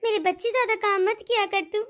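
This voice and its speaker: A woman voicing a worried aging mother in a cartoon, gentle and coaxing. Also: very high voice, fairly even intonation, fast talker. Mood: soothing. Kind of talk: cartoon dialogue.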